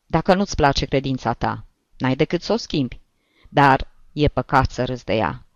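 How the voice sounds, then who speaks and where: A man voicing an old village priest who scolds gently in a folksy, sighing way, in a dull, dry recording of a read-aloud story. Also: medium pitch, animated, dry recording, natural voice. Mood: stern.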